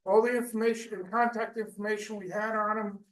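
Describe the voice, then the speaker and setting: A man's voice: high voice, flat delivery, brisk. Man rambling through a meeting report. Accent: American. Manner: loose, rambling with frequent ums and uhs. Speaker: member giving a report. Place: meeting hall. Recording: echoey room, voice from far off.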